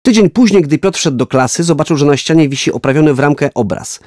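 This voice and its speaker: A man narrating a children's story in a clear, expressive storytelling manner. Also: a little high, fast talker, no room sound, clean studio sound. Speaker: storyteller, scouting instructor.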